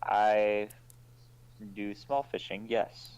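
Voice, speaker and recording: A man's voice: on the low side, very slow, a little mellow, smooth, muffled recording. A man chatting casually and hesitantly as a player in a tabletop game.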